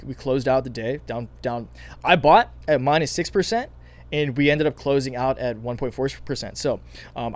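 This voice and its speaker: A young man with a raspy, worn-out voice talks quickly through his stock trades. He rambles and circles back, piling on fillers as he explains his picks in a casual market vlog. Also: medium pitch. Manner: rambling, repeats himself, many fillers. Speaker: stock market video host.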